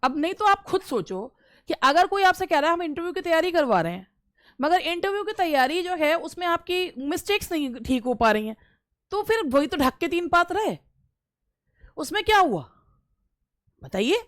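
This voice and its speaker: A woman's voice: very high voice, big pitch swings, moderate pace, fairly bright tone, no echo. A middle-aged woman from India, giving casual instructional advice as a teacher, repeating phrases and hesitating often. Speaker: English teacher giving interview tips.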